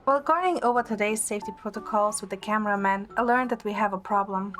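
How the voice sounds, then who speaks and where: Reading scripted narration and dialogue, a woman serves as an audio drama's narrator while playing its young producer heroine in the first person. She speaks quickly in a mid-range, slightly bright voice over soft background music.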